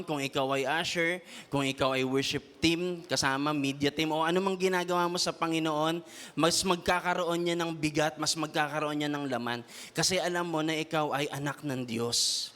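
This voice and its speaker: A man preaching a Taglish sermon to a congregation, often tagging his lines with a questioning "no?" and slowing down to stress key phrases. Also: fairly high pitch, a bit bright, clean tone. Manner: repeats a questioning "no?" tag; has the congregation repeat lines to their neighbor. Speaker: youth preacher.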